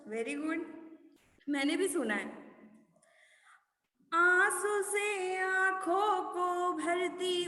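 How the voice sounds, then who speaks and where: A woman teaching children a poem, asking questions, answering them herself and singing the lines slowly. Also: extremely high pitch, pushed and bright. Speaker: primary school Hindi teacher. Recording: echoey room with long reverb.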